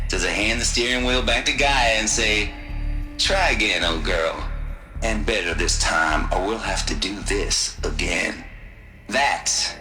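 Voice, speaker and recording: A sardonic man from a video game, explaining with slow, dramatic pauses. His pitch rises and falls widely. Game music plays clearly behind him. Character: wry man explaining an extinction system. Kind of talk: game voice acting.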